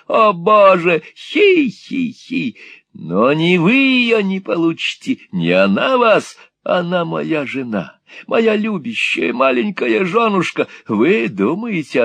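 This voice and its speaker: A man voicing a spiteful, gloating old miser in a storybook reading, with a shrill, sneering, cackling voice. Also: vocal fry, a bit bright, husky, no echo, full character voice.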